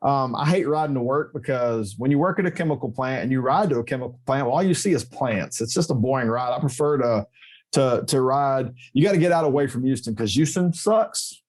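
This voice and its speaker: Man, podcast guest, casual chat, animated joking storyteller, middle-pitched voice. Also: fairly quick. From Texas.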